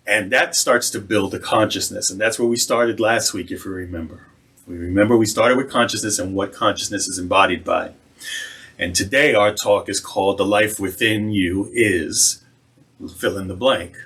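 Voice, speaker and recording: A man, a reverend, giving a conversational sermon and slowing down on key phrases. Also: on the low side, a bit bright. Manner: conversational, slows for emphasis.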